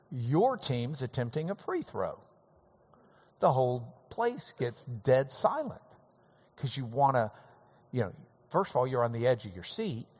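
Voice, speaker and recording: Animated man teaching Bible class. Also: medium pitch, slightly rough. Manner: animated, conversational, folksy asides. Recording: reverberant hall, dull lo-fi sound.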